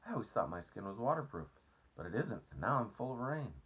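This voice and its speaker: A glum, complaining earthworm from a storybook, as a man reads him out. The husky voice grumbles and groans, lifted above the reader's usual deep pitch. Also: big pitch swings, fast talker, fairly bright tone, exaggerated voice, low-quality recording. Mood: groaning.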